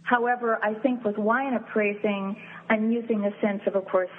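Woman appraiser, interview guest, measured and explanatory, tinny phone-line sound with light hiss. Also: medium pitch, fairly even intonation. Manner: measured, explanatory, lists things step by step. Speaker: fine art and wine appraiser, guest. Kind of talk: interview answers.

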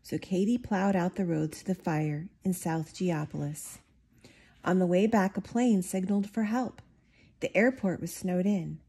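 A woman reading a picture book aloud, giving the characters lively, expressive voices. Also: fairly low pitch, unhurried, slightly rough. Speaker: storybook reader.

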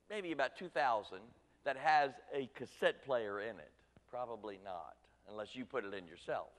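A man's voice: mid-range voice, fairly bright tone. A middle-aged man preaching a sermon, folksy and teasing his congregation directly. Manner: folksy, talks straight to the congregation with light teasing. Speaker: pastor. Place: church sanctuary. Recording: church sanctuary with long reverb.

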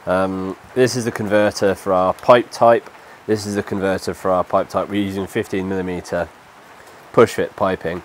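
Sheltering from the rain outdoors, a man in his thirties walks viewers through a DIY task step by step in a casual how-to vlog. His low-pitched voice is steady and at normal speed, though a cold leaves him stuffy. He's on a lapel mic, with gentle rain in the background.

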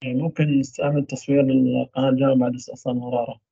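A man giving a university radiology lecture, trailing off mid-phrase into drawn-out fillers. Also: medium pitch, level tone, vocal fry, warm tone, husky, no echo. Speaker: medical lecturer. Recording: dull lo-fi dry recording.

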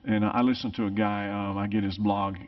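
A man's voice: on the low side, level tone, a little fast. A man in his sixties asking questions casually as an interviewer. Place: large church sanctuary, indoors. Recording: distant, slightly muffled sound.

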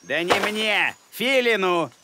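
A woman's voice: medium pitch, expressive, takes it slowly, very noisy. A woman voicing a sly, bossy animal schemer who leads a gang in a children's cartoon, scheming and commanding. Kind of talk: children's cartoon villain acting.

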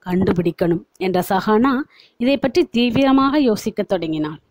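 A woman reading a novel aloud in steady, even narration. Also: medium pitch, unhurried, no room sound, rough recording.

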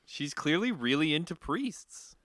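A man co-hosting a film podcast, cracking sardonic, deadpan jokes. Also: on the high side, unhurried, no echo, studio quality. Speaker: podcast co-host. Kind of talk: casual film-review chat.

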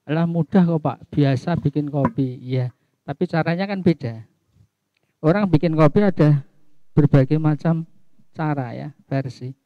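A middle-aged man, teaching an English lesson online and slowly repeating phrases with their translations. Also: a little high, dry recording, dull audio.

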